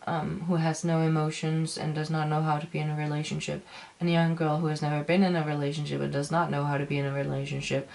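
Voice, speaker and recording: A woman with a low, gravelly voice talks to her viewers in a casual review. She rants with heavy emphasis, stopping and starting and repeating herself to drive things home. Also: monotone, darkish tone. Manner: emphatic, repetitive, halting ranting. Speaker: film reviewer.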